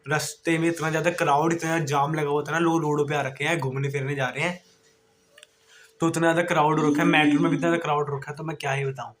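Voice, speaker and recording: Hoarse, tired young man vlogging. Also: fairly high pitch, level tone, rapid-fire, fairly bright tone. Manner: tired, chatty. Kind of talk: casual vlog chat. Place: outdoors then at home.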